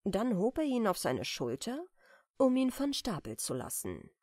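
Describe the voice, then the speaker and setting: A woman reads a bedtime fairy tale aloud, calm and expressive in her storytelling. Her pitch moves in a lively way. The sound is dry and close to the mic. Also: a little slow, no echo. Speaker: audiobook reader.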